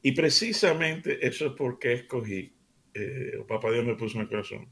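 Gravelly man telling a radio anecdote. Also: mid-range voice, moderate pace. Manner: chatty anecdotal, addresses listeners warmly as family. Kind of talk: casual radio storytelling.

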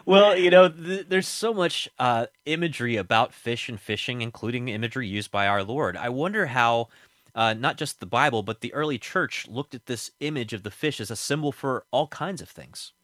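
A man's voice: medium pitch, animated, moderate pace, fairly bright tone, dry recording, clean studio sound. A man hosting a morning radio talk show, asking questions in a casual, conversational way.

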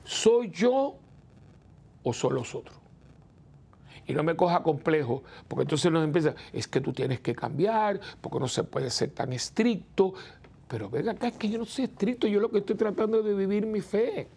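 Gravelly-voiced priest talking with his listeners. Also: a little high, normal speed, a little mellow. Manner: chatty, asks the listeners rhetorical "¿no?" questions; acts out the people he quotes. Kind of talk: conversational preaching talk.

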